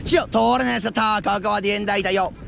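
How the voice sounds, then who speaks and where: A man giving live futsal commentary outdoors, with excited calls that rise into drawn-out goal shouts. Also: sits high, creaky. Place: outdoor floodlit futsal pitch at night. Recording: outdoor action camera with ambient noise.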